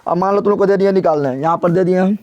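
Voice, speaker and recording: A man with a high, darkish voice races through a casual, colloquial physics lesson for exam prep, speaking directly to students. He repeatedly asks a question, answers it himself, and repeats key terms, all on a muffled recording.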